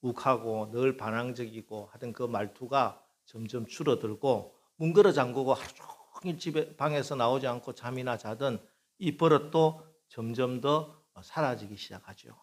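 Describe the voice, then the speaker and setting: A man's voice: medium pitch, moderate pace. A middle-aged male pastor preaching a sermon, telling a story and acting out the prayers and dialogue in it, his voice rising with feeling. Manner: acts out quoted prayers and dialogue, voice rising with emotion.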